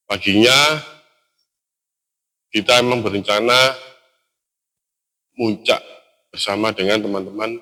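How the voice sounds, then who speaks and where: A young man telling a story from a mountain hike in a relaxed, halting way, pausing and restarting often. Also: on the low side. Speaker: storyteller recounting a hiking trip. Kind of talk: casual spoken storytelling.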